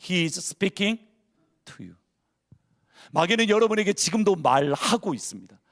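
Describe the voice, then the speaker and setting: A man's voice: sits high, expressive, a little slow, a bit bright. A male pastor preaching a sermon in a church, asking the congregation questions and acting out people's inner worries. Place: church sanctuary.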